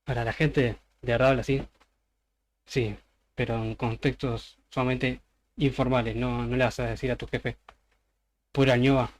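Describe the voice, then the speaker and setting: An Argentine man giving a casual presentation on a voice chat server, walking through words with plenty of examples. His voice sits at a middling pitch and stays fairly flat, with little rise and fall. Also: normal speed. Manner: casual, explains slang word by word with examples.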